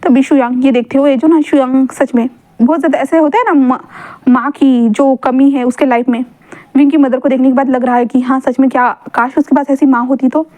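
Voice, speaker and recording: A woman's voice: high voice, steady tone, brisk, warm tone. A woman casually narrating a fan-fiction story, chatty and informal with fillers.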